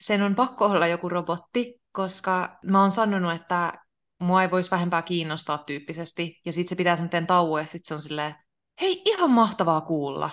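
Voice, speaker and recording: A young woman co-hosting a podcast, chatting casually in a lively way and laughing often. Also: fairly low pitch. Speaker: podcast co-host. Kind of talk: casual chat.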